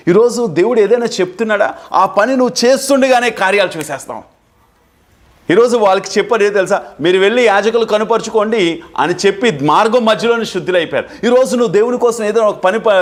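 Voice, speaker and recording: A man preaching a fervent sermon as pastor, building emphasis through repeated phrases. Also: sits high. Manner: fervent, repetitive preaching, rising and falling emphasis.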